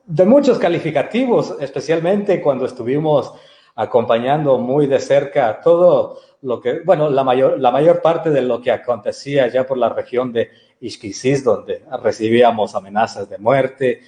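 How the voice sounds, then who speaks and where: Earnest man, dark roomy voice. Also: mid-range voice, normal speed. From Guatemala. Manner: earnest, impassioned testimony. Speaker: journalist guest. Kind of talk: interview answer.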